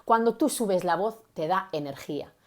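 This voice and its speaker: A woman voice coach giving a live-stream talk to viewers. She talks in a lively way and swings from loud passages to soft, hushed ones to show how volume works. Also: fairly low pitch, normal speed. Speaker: voice and communication coach.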